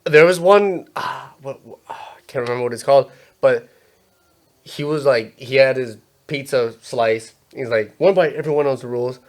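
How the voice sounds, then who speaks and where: A man's voice: mid-range voice, a little slow. Young male podcast host, casual, profane, rambling storyteller. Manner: rambling storyteller, swears often, acts out quotes.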